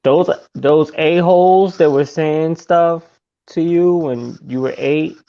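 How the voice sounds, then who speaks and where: A man chatting casually on a podcast, his voice sitting a little higher than most men's. He gets animated and slips into squeaky put-on voices to play out his own thoughts. The audio is dull and lo-fi. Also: takes it slowly, creaky. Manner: animated, acts out his own inner voice in high squeaky tones. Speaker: podcast guest. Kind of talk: casual conversation.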